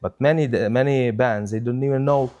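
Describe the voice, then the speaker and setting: A Ukrainian man appears as a DJ guest, answering interview questions in English with many hesitations and fillers. His mid-range voice is mellow and moves at a normal speed.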